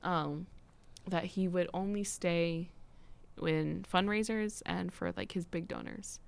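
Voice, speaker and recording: Rambling young woman, lowish voice. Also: steady tone, slow, gravelly. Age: young adult. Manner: rambling, many "like" fillers. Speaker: student discussing politics. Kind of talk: casual chat.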